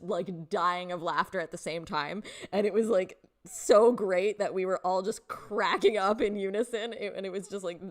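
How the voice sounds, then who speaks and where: Chatty woman hosting a live stream. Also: lowish voice. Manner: chatty, filler-heavy, laughs often, reads chat aloud. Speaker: livestream host. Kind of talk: casual chat with live viewers.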